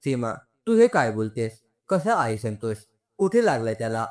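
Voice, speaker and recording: A man voicing a caring sister-in-law who asks anxious questions and then calmly takes charge in a storybook narration. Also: medium pitch, normal speed, close to an everyday voice. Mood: worried.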